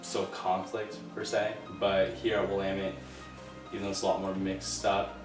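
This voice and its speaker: A man in his twenties from Southern California, answering interview questions in a measured, thoughtful way. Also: deep voice, monotone. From Southern California, USA. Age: 20s. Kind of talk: casual interview. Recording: roomy sound from a distant mic with music.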